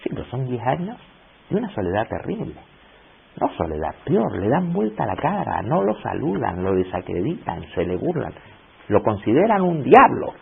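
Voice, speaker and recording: Gravelly lecturer on a tinny recording. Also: male voice, mid-range voice, huge pitch swings, normal speed. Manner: reflective, with emphatic rising bursts and rhetorical questions. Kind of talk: lecture to a class. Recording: tinny lo-fi recording with faint hiss.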